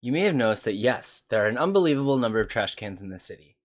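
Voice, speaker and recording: A man's voice: fairly low pitch, sing-song, fast. A man reading aloud the lines of a chatty city resident who explains local matters.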